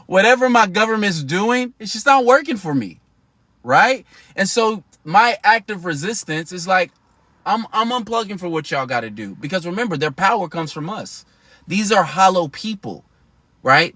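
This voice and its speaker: A man in his thirties talks straight to his livestream viewers in a loose, slangy, emphatic way. His voice sits a little high and has a bright edge. The sound is dry and close, with no room around it. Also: no echo. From United States. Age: 30s. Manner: slangy, emphatic, chatty with laughs. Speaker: livestream host. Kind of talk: casual livestream talk to viewers.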